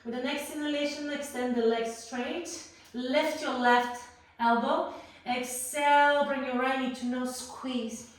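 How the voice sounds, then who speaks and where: A woman teaching a guided yoga class, calmly cueing breaths and poses, a little out of breath from moving while she talks. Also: high voice, a little slow. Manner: calm cueing of breath and poses, playful asides. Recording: roomy echo, voice far from the mic.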